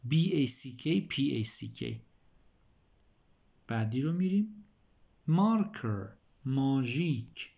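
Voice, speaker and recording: Guy teaching vocab slow and careful, says each word then translates, kinda muffled recording. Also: mid-range voice, lively intonation, creaky, dark tone. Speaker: English teacher.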